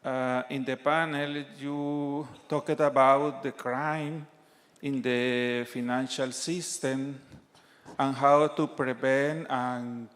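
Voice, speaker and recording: A man from El Salvador asks a question from the conference floor, speaking very slowly and deliberately. His voice sits at a middle pitch. Hall reverb surrounds him. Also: steady tone, a bit bright. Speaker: audience member asking a question.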